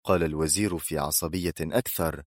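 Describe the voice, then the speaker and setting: Very deep-voiced male audiobook narrator. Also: a little fast, dry recording, clean studio sound. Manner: dramatic, expressive storytelling.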